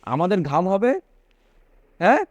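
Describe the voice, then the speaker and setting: High-voiced preacher man, dry close sound. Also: very animated, unhurried, no echo. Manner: repeats phrases for emphasis, asks listeners questions. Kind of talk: religious sermon to students.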